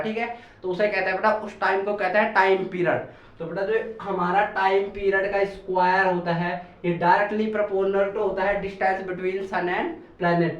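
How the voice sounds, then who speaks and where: A male physics teacher lectures, calling students "beta", asking and answering his own questions, and dictating notes slowly word by word. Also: sits high. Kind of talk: classroom lecture. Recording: echoey, distant, dull sound.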